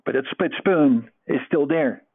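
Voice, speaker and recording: A man's voice: fairly high pitch, measured pace, slightly rough. A middle-aged man from the Netherlands with a Dutch accent, giving an earnest, explanatory webinar lecture with frequent fillers. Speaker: presenter. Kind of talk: webinar lecture over slides. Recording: tinny phone-like webinar audio.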